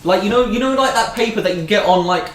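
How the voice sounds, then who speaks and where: A man's voice: high voice, quick pace. A man hosting a casual snack review in conversation. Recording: echoey room with background noise.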